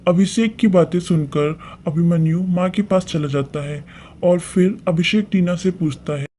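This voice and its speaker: A man narrating a story in a steady, plain way as storyteller. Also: high-pitched, normal speed, slight background noise.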